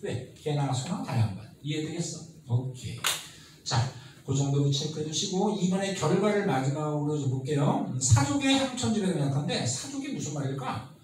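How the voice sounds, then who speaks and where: A man giving a lively history lecture who asks his students constant questions and acts out the people he quotes. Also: on the high side, a little fast. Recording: very echoey room, mic at a distance, faint noise.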